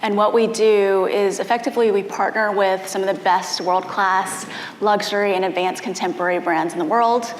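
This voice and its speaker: A woman with a medium-pitched voice speaks conversationally as a founder on a panel. The sound is very roomy, with some background noise. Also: fairly even intonation, normal speed. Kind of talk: conversational company introduction. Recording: echoey room with background noise.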